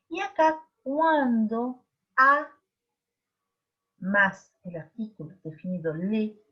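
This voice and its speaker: A woman French teacher explaining grammar in a recorded tutorial, patiently checking her students follow. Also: medium pitch. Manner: patient, explains step by step with frequent check-ins. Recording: dull lo-fi sound.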